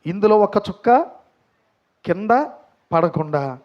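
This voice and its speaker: A man's voice: sits high, lively intonation, takes it slowly, dull audio. A man preaching a sermon as pastor, telling a story and putting questions to the congregation. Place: church.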